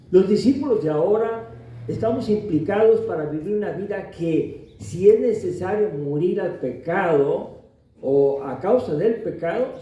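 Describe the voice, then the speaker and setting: A man's voice: fairly high pitch, mellow. A man preaching a sermon as pastor, emphatic, acting out quotes from everyday speech and scripture. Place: church hall. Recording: very echoey hall, distant mic, dull sound.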